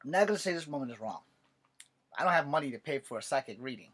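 Man nearly fifty, husky mid-pitched voice, sarcastic bedroom vlog straight to webcam. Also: animated, fast, fairly bright tone. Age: 40s. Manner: wry, sarcastic, swears. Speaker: vlogger. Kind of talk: casual webcam monologue. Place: cluttered bedroom, indoors. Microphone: webcam at desk distance.

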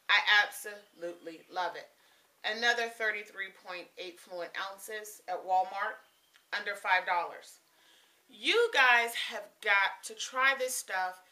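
A woman's voice: mid-range voice, bright, forceful tone, far from the mic. A woman in her thirties from the southern United States, chatting emphatically in a casual hair-product review vlog, with frequent ums.

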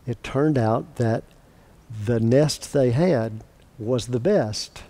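A man reading a picture book aloud for a church storytime, then giving a short lesson, in a gentle, deliberate way. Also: medium pitch.

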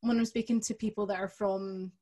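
A woman's voice: medium pitch, flat delivery, fairly quick, dark tone. A woman in her twenties with a Scottish accent, casually hosting a conversational interview into a studio mic. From Scotland. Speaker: interviewer and host. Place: small home studio room. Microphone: microphone on boom arm, close.

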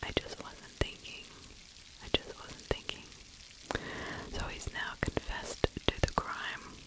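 A middle-aged woman tells a true crime story in a steady ASMR whisper that is pure breath with no voiced sound. Close to a microphone with a furry windscreen, she speaks in a conversational, opinionated way, broken up by pauses, and the audio is poor.

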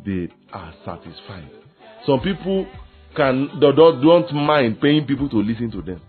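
A man, preaching a lively sermon on marriage and slipping into acted quotes of husbands and wives. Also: mid-range voice, a little slow. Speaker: pastor. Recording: tinny phone-like sound with faint music.

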